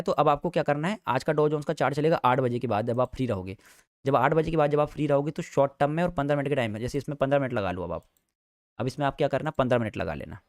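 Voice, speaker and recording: Man, live class teacher, chatty and teasing, quick delivery, dry sound. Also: fairly high pitch, dry recording. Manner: chatty, scolding-friendly, repeats points. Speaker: trading teacher. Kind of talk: casual live class lecture.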